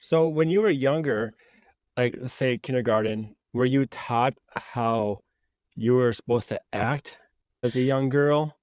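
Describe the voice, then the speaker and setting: A man's voice: mid-range voice, measured pace, a little mellow, no room sound, studio quality. A man hosting a podcast, asking loose, rambling questions in a casual interview. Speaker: podcast host.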